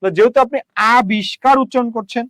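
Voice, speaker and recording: Bangladeshi male teacher, high voice, dry close sound, slow syllable-by-syllable drilling, questions to viewers. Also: fairly bright tone, no echo. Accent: Bangladeshi Bengali. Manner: repeats words slowly, syllable by syllable. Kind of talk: live online grammar lesson.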